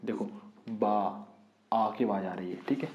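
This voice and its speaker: A man's voice: fairly low pitch, fast. A male teacher giving an online exam-prep lesson, explaining step by step and asking and answering his own questions. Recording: dull, roomy lo-fi recording.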